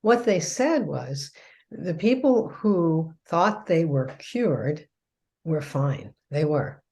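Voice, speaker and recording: Low-voiced woman in calm conversation. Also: slow pace. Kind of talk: casual chat.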